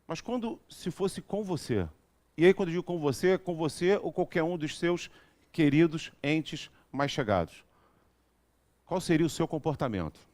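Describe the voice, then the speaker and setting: A man's voice: a little high, lively intonation, moderate pace, a little mellow. A man giving a conversational spiritual talk at a spiritist center, telling everyday stories and often checking in with his listeners. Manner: chatty, storytelling, frequent asides asking the audience.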